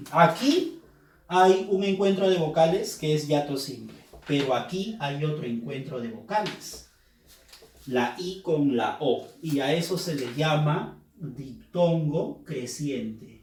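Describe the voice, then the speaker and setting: A male teacher patiently walks through a review lesson and repeats each key term so it sticks. His voice sits a little high for a man. The sound is roomy and echoing, as if the mic were set some way off. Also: darkish tone, a little hiss or hum. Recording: roomy echo, mic at a distance.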